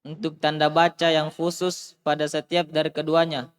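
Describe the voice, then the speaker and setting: Flat-voiced male student reading aloud. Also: on the high side, normal speed, clear, resonant tone, long reverb tail. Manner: reads text out in a steady recitation.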